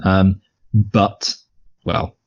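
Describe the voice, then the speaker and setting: A man's voice: sits low, flat delivery, drawn-out words. A man co-hosting a movie podcast in casual chat, rambling with many restarts and fillers. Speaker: podcast co-host. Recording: dull lo-fi podcast audio.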